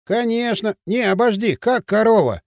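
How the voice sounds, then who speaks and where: Timid chubby teen boy, hesitant and nervous, high voice, dry sound; male narrator voicing. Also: moderate pace, gravelly, dry recording. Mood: flustered. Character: chubby timid teenage boy, easily scared. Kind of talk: audiobook character voice.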